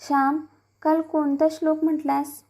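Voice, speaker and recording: A woman's voice: sits high, flat delivery, normal speed, warm tone. A woman reading the lines of a village father who raises his voice at his son over a lie. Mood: angry. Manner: raised, commanding. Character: angry then gentle village father.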